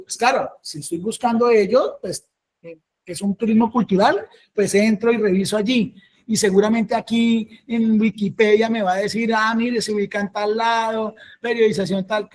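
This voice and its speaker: Colombian workshop facilitator thinking aloud. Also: medium pitch. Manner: keeps checking in with the audience through short tag questions; thinks aloud and fills pauses with hesitations. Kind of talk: teaching a workshop while walking through search results.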